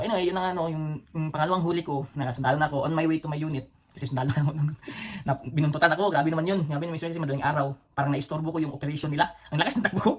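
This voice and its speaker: A higher-pitched man with a fairly bright tone hosts a laid-back storytelling vlog. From the Philippines and speaking with a Cebuano accent, the adult former soldier with kids rambles, uses many fillers and restarts, and chuckles between phrases.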